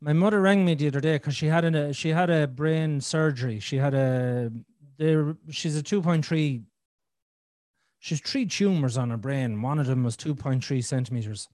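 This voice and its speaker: A man's voice: fairly high pitch, normal speed, darkish tone, no echo. Blunt, sweary man in a dry recording. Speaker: podcast host. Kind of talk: casual, candid conversation.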